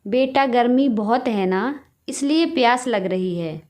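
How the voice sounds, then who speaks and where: A woman voicing a calm, patient elderly mother in a storybook tale, soft-spoken. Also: on the high side, a little slow.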